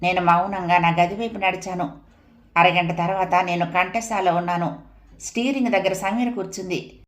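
A woman narrating a first-person family story in a steady, even audiobook reading. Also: on the low side, normal speed.

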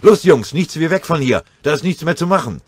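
A man voicing a frightened, out-of-breath soldier who shouts urgently. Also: a little high, expressive, a little fast, breathy edge, no room sound, pitched above the performer's own voice.

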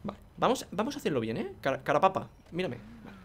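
A young man with a Spain Spanish accent giving excitable, joking commentary over a racing game, full of exclamations. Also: fairly high pitch, fast talker, slight background noise. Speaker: gaming video creator. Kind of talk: casual gameplay commentary.

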